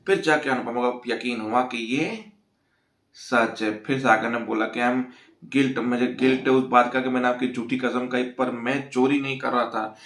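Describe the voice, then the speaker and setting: Brief: man hosting an episode recap, conversational storyteller, mid pitch, echoey room. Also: steady tone, normal speed, a bit bright. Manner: storytelling, briefly acting out the characters' lines. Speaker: TV serial recap host.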